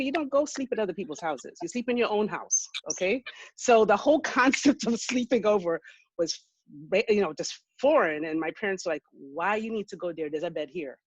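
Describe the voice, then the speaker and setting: A woman from Jamaica moderating a faculty panel and telling a personal story in a conversational, animated way. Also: on the low side, husky, no echo. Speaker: moderator, business school dean. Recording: slightly dull lo-fi audio.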